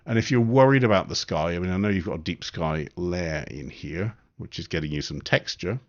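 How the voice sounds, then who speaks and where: A man giving a live-streamed photo editing tutorial, relaxed and thinking aloud with frequent ums. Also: low voice, brisk, highs cut off.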